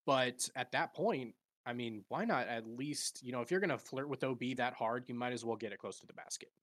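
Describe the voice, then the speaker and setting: A man talks through a sports argument in a casual podcast chat, voice sitting at a middle pitch. He often restarts his sentences as he builds a point. The sound is dry and close, with no room echo. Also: a little fast, a bit bright. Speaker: podcast co-host.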